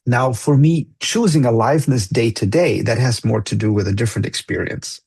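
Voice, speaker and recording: A man's voice: medium pitch, a little fast, gravelly, a little mellow, husky. A man hosting a podcast, speaking in a thoughtful, earnest way and searching for his words as he reflects. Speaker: podcast host.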